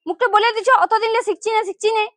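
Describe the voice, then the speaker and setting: A sulky young daughter-in-law with a Purulia Bengali accent complains and refuses, played by an actress. Her voice is very high and bright, and she talks in a rapid rush. The recording is dry and close. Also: fairly even intonation, no echo. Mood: complaining. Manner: whiny, complaining, defiant. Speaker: actor in a village drama.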